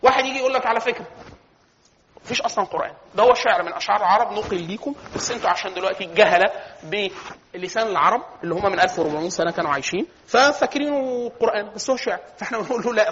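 Fast-talking Egyptian man lecturing. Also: high-pitched, fairly bright tone, dull audio. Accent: Egyptian Arabic. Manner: rapid-fire rhetorical questions answered himself. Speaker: religious studies lecturer. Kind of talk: introductory lecture.

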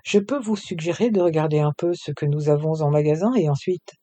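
A man's voice: a little high, fairly quick, dark tone, lightly acted. A man doing a shy, blushing young shopkeeper. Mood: polite. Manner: shy, hesitant.

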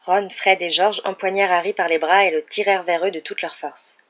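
An audiobook reader with a mid-range voice narrates a scripted children's story at a calm, measured, steady pace. The audio comes across a little dull and lo-fi.

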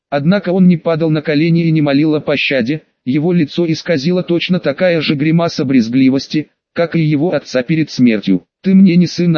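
A man narrating an audiobook in the first person, in a cold, even storytelling manner. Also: a little high, no room sound. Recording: dry, slightly dull audio.

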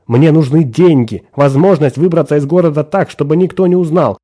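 A man voicing a desperate middle-aged clerk who insists he is alive, pleading and nearly shouting. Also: fairly high pitch, fairly quick, pitched above the performer's own voice, natural voice.

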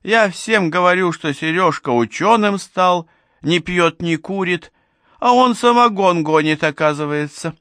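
A man's voice: high-pitched, unhurried, fairly bright tone, smooth, dry recording, pitched above the performer's own voice. A man voicing a bossy elderly village woman, a retired teacher with a piercing, scolding voice.

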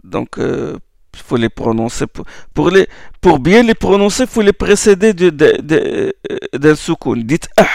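A man teaching Quran recitation, explaining letter sounds slowly with many hesitations and checks like "hmm?", and demonstrating sounds aloud. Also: on the high side, vocal fry, no room sound, studio quality. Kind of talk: slow classroom explanation.

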